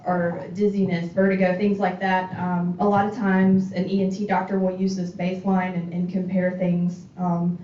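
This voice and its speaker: A woman who works as a hearing specialist delivers a chatty, informal community talk packed with fillers and restarts. Her mellow voice sits on the low side, with a level tone, moderate pace and few pauses. The audio comes across as roomy, distant and dull.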